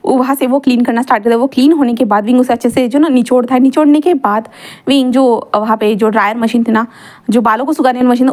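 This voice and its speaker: Fast, high-voiced woman storyteller. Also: a little mellow. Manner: chatty, with many fillers and self-corrections. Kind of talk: casual fan fiction storytelling.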